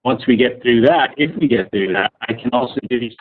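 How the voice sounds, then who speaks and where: A man's voice: mid-range voice, brisk, breathy edge. A man giving a hesitant presentation on a video call, his audio breaking up and cutting in and out. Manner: hesitant, frequent uh fillers. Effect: choppy call audio breaking up and cutting in and out. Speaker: state education program presenter. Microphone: computer mic on a video call. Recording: tinny dropping video call line.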